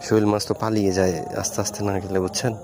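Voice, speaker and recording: A man's voice: fairly low pitch, little pitch movement, very fast, noisy background. A man, chatting to his viewers while fishing at a rural wetland, recorded on a phone. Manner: chatty, addresses viewers directly. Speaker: fishing vlogger. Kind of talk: casual vlog chat to viewers.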